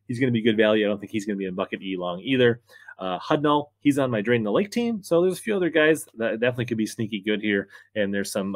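An American man in his thirties hosts a fantasy fishing show, offering sports commentary and picks to the camera. His voice is fairly low, with no echo. He sits at a desk in a small indoor room.

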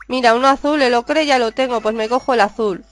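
A woman from Spain with a Spanish accent, chatting excitedly as she plays a video game and reads its dialogue aloud. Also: a little high, brisk, soft background music. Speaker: gaming YouTuber. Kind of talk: casual game commentary.

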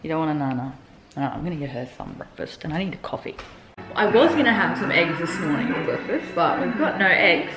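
Sing-song mum vlogging at home. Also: female voice, low-pitched, expressive, fast talker. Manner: chatty, coos in sing-song tones to her toddler. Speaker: vlogger and mother. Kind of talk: casual vlog chat. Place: home kitchen and bedroom. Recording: roomy home audio with music behind.

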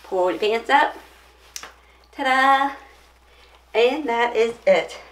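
A woman's voice: fairly high pitch, expressive, a little slow. A woman giving a casual how-to demonstration of dressing aids, chatting and thinking aloud as she goes. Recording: roomy echo, distant mic, faint noise.

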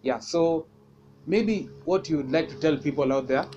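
A man's voice: a little high, normal speed, mellow. A young man hosting a casual interview. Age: young adult. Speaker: interviewer, host. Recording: muffled audio with background noise.

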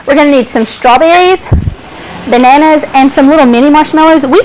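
A woman's voice: high-pitched, a little fast, noisy background. A young woman co-hosting a local TV cooking show, chatty and upbeat as she explains each step. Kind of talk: casual cooking demonstration. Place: small indoor TV studio set.

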